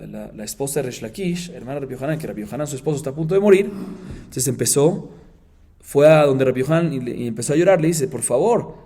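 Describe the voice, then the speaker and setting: A man teaching a Talmud class as a rabbi, telling the story with lively repetition and questions to his students. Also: fairly high pitch. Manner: animated storyteller, asks students rhetorical questions; repeats phrases for emphasis. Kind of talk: Talmud class, reading Aramaic and explaining.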